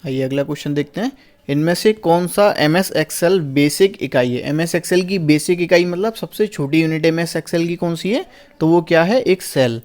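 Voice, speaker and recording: The lesson covers a past exam paper, led by a young male teacher whose fairly high voice sounds a little mellow. Each question he raises, he answers himself, and he drops to a word-by-word crawl to read out the English lines.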